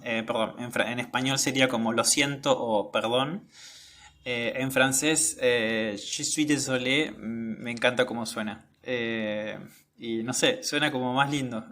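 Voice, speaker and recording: A man's voice: mid-range voice, pushed and bright. A man with an Argentine accent hosting a casual Spanish-learning podcast, speaking in a reflective, hesitant way with frequent filler sounds and reading passages aloud. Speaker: podcast host and Spanish teacher.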